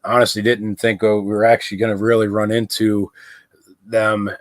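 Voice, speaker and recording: A man's voice: fairly low pitch, monotone, moderate pace, no echo. A young adult man hosting a casual livestream from his RV, rambling, with many fillers and restarts. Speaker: livestream host. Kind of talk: casual live chat. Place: inside an RV.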